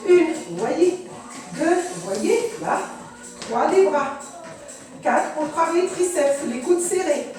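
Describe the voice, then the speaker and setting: Very high-pitched woman aerobics instructor, energetic. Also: slow. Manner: energetic, encouraging, calling out short cues and counts. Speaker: aerobics instructor leading a class. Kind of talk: group fitness coaching, counting repetitions aloud. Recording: echoey room, distant mic, music playing. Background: music.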